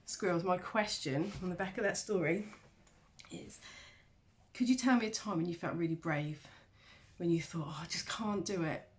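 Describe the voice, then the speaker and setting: With a somewhat low voice, a woman reads a children's storybook aloud the way a primary school teacher would, expressive and full of dramatic pauses and emphasis.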